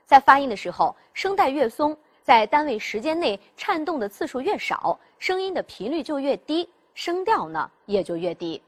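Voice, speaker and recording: Her voice sits high and sing-song, at normal speed with few pauses. In a classroom-style lesson on pronunciation, she takes students through it step by step, poses rhetorical questions and demonstrates each sound aloud.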